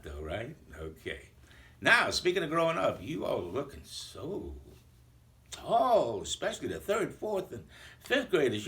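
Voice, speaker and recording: Guy doing old santa claus, jolly and chatty, kinda low voice that bounces around a lot. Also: fairly bright tone. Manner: chatty, playful, rambling. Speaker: Santa greeting schoolchildren. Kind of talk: recorded video greeting to a school.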